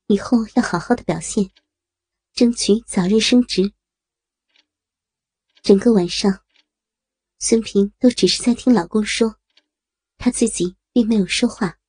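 Warm, husky female story narrator. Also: medium pitch, no room sound. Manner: steady, measured reading. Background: faint music.

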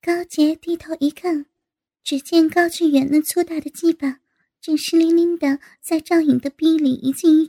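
A woman narrating an erotic audio story in a steady storytelling manner. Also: high voice.

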